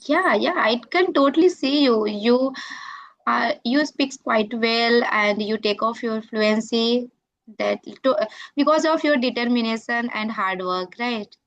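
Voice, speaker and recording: A woman with an Indian accent, a YouTuber and online English teacher, chats casually in non-native English for English practice. Her voice is a little high and unhurried, she often checks in with short tags, and the sound is lo-fi.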